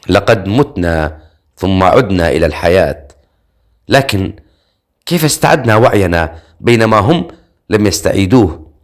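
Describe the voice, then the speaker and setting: A worried young woman reasons things out in a steady, firm voice, lifted a little above the narrator's register, as a man puts her on. She sounds like a character in a spoken storybook. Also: on the low side, natural voice. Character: anxious young woman, regains resolve.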